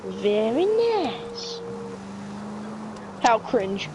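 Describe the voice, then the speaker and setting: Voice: mid-range voice, very animated, very slow, background noise. Nasal, joking friend on voice chat. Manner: joking, sarcastic. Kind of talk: casual gameplay chat.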